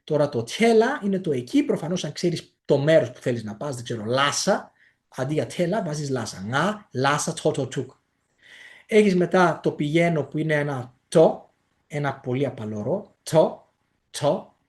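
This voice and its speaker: Man, language teacher, animated pitch, patient and hesitant, slow demonstrative repeats. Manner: explains patiently, repeats phrases slowly for pronunciation; frequent hesitations and fillers. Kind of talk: casual spoken lesson.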